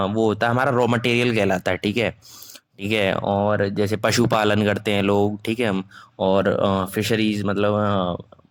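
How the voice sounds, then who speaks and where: A young man teaching an online class, dictating notes in a casual way. He mixes Hindi and English, stops to check in after nearly every phrase and corrects his own slips aloud. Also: lowish voice.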